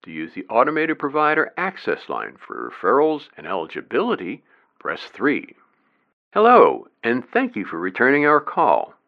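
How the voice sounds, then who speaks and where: A man's voice: medium pitch, huge pitch swings, normal speed, phone-quality sound. A man reading polished, courteous scripted phone-system greetings and menu prompts. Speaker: voice-over announcer.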